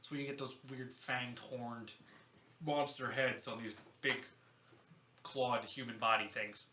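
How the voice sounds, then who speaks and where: Slow and sharp-toned, this medium-pitched man keeps a steady delivery as he hosts a podcast. He explains things casually and jokingly, tripping over unfamiliar names, in a recording with roomy echo and faint background noise.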